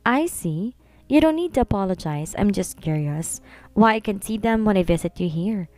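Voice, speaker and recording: A woman voicing a calm, affectionate young husband, reading a storybook romance. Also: mid-range voice, moderate pace, dry recording, close to an everyday voice. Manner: calm, gentle.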